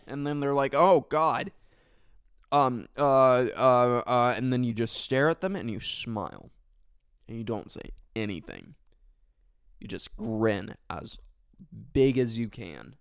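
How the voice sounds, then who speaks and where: A man's voice: medium pitch, measured pace, smooth, no room sound, clean studio sound. A man hosting his own podcast, talking casually and sincerely in a rambling way, full of fillers and self-corrections. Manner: sincere and thankful. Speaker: podcast host. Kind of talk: casual solo podcast talk.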